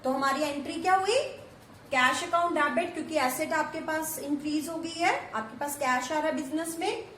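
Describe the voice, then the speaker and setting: High-voiced woman teaching accountancy. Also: moderate pace, a bit bright. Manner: explains step by step, asks and answers her own questions. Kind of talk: classroom lecture. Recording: echoey room with faint hiss.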